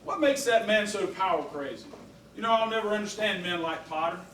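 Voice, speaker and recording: A man's voice: high-pitched, fairly quick, a little hiss or hum. A man acting an eager, restless young traveler in a community theatre musical, recorded from far off on stage. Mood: frustrated. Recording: distant echoey stage recording, loud music.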